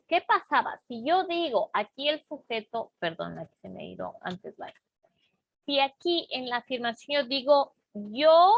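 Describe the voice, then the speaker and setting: A woman teaching an English class, explaining grammar slowly and patiently and checking often that students follow. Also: a little high, no echo. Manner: slow, patient explaining with frequent check-ins. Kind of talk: online class lesson.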